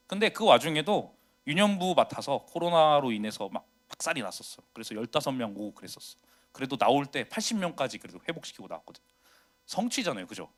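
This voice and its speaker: Young pastor guy preaching, voice jumps all over, kinda high, loud then quiet. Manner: lively confessional preaching, swinging from loud to hushed. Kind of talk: sermon.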